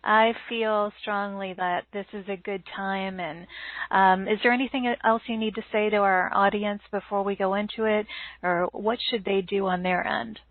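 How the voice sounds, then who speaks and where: A woman hosting a casual spiritual talk, speaking at an unhurried pace. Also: medium pitch, fairly even intonation, no echo. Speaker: host. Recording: tinny, dry phone-like audio.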